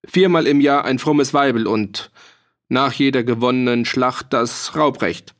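In a natural, medium-pitched voice and a slightly slow tempo, a man performs a jovial, roguish mercenary with a dialect. He teases, boasts cheerfully, and bursts out laughing.

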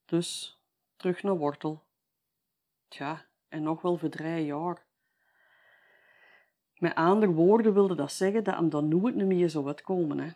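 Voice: mid-range voice, a little slow, long pauses, dark tone. A storyteller with a Flemish accent, telling a local tale in a chatty, folksy way, often adding a tag at the end of sentences.

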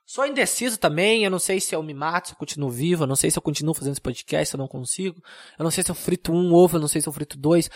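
A young man hosting a comedic solo podcast, rambling and mocking himself in a deadpan way. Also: high voice. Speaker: podcast host.

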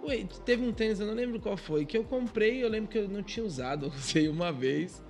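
Um homem com sotaque brasileiro, apresentador de podcast, brincando e conduzindo a conversa de forma descontraída. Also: male voice, high voice, fast talker, soft background music. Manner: lively, joking banter. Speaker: podcast host. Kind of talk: casual chat.

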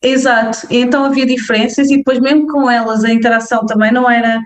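This is a young woman with a northern Portuguese accent, her voice on the high side. As a guest in a casual interview she sounds lively, peppering her talk with fillers and quick checks with the listener, and the recording has a roomy echo.

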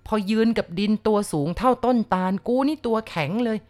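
A woman's voice: on the high side, fairly quick, a little mellow, pitched above the performer's own voice, lightly acted. A woman telling it as a coarse swaggering country man. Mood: rough, boastful. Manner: blunt swaggering coarse speech. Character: coarse rough-talking rural man telling a ghost tale. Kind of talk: storytelling narration.

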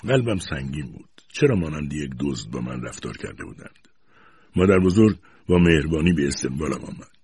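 A man's voice: a bass voice, very animated, darkish tone, slight background noise. A man narrating a story in the first person, reading it with expression. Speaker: audiobook narrator.

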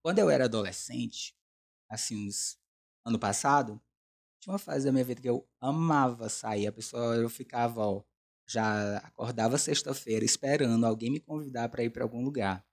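A man's voice: mid-range voice, moderate pace, creaky. A Brazilian man in his twenties chatting casually as a podcast host, with a campy, self-mocking, slangy manner. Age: 20s. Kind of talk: casual confessional chat.

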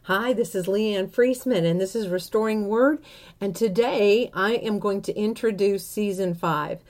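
A woman hosting a prayer series, speaking in an earnest, unhurried way with soft pauses and small restarts. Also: mid-range voice. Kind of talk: slow, gentle spoken introduction.

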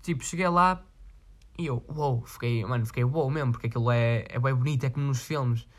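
A man's voice: mid-range voice, brisk. A man with a European Portuguese accent, chatting casually in a vlog and reading out viewer requests in a rambling, slangy way with frequent swearing. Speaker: vlogger.

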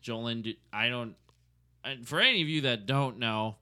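Bright-voiced man podcast co-host. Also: mid-range voice, moderate pace. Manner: easygoing, laughs, stumbles over names. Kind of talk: casual chat, reading news.

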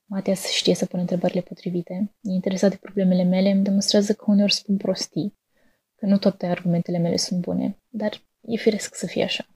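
A young woman from Romania reads her own story aloud in a calm, measured way. Her voice is mellow and a little husky, and it stays level with little rise and fall. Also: mid-range voice. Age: 20s. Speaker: narrator. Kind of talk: scripted personal narration.

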